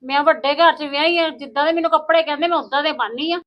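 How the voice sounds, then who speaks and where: A woman's voice: sits high, fast, muffled recording, natural voice. A woman playing a proud married sister visiting her brother's home, haughty and complaining in a family skit. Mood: indignant.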